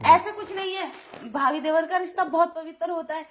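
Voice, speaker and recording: An indignant young wife in a Hindi audio drama, played by a woman, scolding her brother-in-law with sharp protests. Her voice sits very high. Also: fairly quick. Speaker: voice actor.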